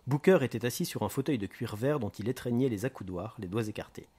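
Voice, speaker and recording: A man narrating a crime novel excerpt in a steady, measured reading voice. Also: medium pitch, breathy edge. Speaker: reader. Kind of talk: audiobook narration.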